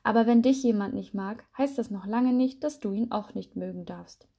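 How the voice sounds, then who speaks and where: A woman doing a gentle old grandma spider. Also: medium pitch, lightly acted. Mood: tender. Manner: soft, slow, tender. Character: gentle elderly grandma spider, wise and loving.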